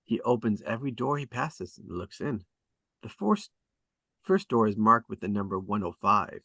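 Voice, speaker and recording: At a script table read, a man reads the stage directions aloud in a deliberate, descriptive way. His voice is on the low side yet animated, pushed and bright, with no echo.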